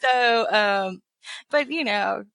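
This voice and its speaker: A woman's voice: mid-range voice, slow pace, creaky, no echo. Chatty Texan woman with a twang. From Texas. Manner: chatty, laughs often, animated. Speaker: author guest. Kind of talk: casual interview chat.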